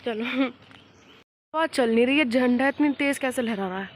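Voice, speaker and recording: A woman's voice: fairly high pitch, a little slow. A teenage girl chatting casually in a student vlog, self-mocking and switching between Hindi and English as she walks outside and later talks at home. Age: teens. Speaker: student vlogger. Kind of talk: casual Hinglish vlog chat. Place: outdoors on a morning walk, later at home.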